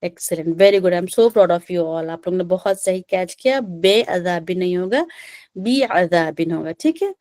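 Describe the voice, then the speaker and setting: Patient woman teaching online, dark dry voice. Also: fairly low pitch, dry recording. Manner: patient, repeats "theek hai" often, drills sounds slowly. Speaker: Quran recitation teacher. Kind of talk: online tajweed class. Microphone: video call.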